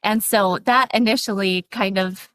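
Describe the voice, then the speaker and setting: A woman's voice: medium pitch, fairly even intonation, normal speed, fairly bright tone, clear, resonant tone, no echo. A woman in her forties, a podcast guest, telling a story in a chatty way and acting out what people said. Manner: chatty, laughs often, acts out quoted talk. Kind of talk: casual storytelling.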